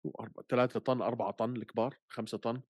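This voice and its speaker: A man with a Levantine Arabic accent chatting casually as a podcast co-host, telling things in an animated way and dropping English words into his Arabic. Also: mid-range voice, very fast, breathy edge, dry recording, clean studio sound.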